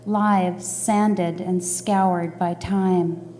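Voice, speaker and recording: A woman reading poems aloud in a slow, deliberate recitation. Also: on the low side, steady tone, mellow, slight background noise. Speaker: poetry reader.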